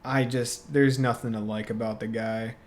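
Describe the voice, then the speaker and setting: A man co-hosting a podcast, chatting casually about movies, relaxed and quick to laugh. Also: mid-range voice. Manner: relaxed, laughs often, lots of fillers. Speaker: podcast co-host. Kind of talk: casual movie review chat.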